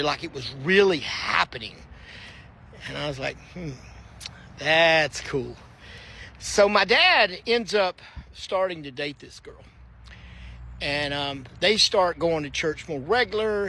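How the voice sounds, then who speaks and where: A man with a drawl tells a heartfelt faith story in an easy, conversational way. His voice sits a bit high and sounds bright. A faint hum of outdoor noise stays underneath. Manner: earnest, conversational, with frequent fillers and restarts. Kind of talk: personal testimony, casual storytelling. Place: backyard, outdoors.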